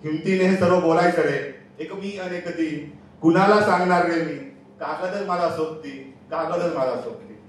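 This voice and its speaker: A man's voice: high-pitched, steady tone, normal speed. A young man reciting a wistful love poem on stage, repeating lines for emphasis. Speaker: student poet. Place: large echoey hall on stage. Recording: echoey hall from far off, faint noise.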